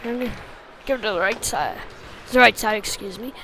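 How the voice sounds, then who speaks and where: Brisk and mid-range, this woman's voice delivers informal play-by-play of a youth ice hockey match in short, clipped, everyday phrases. She is commentating live from the ice rink on an amateur livestream, with faint noise behind her.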